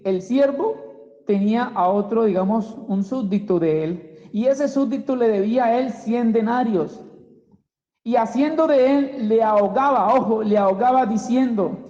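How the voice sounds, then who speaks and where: Male preacher teaching scripture, unhurried and deliberate, mellow tone, heard through a dull, muffled recording. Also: sits high. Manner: slow and emphatic, repeats key words. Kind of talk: Bible teaching sermon. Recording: dull, echoey hall recording.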